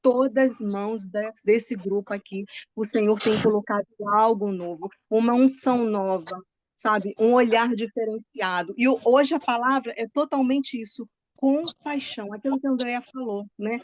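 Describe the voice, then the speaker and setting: A woman's voice: on the high side, moderate pace, no echo. A woman giving a religious testimony to a group, fervent and chatty, often checking in with her listeners. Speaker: guest speaker sharing a testimony.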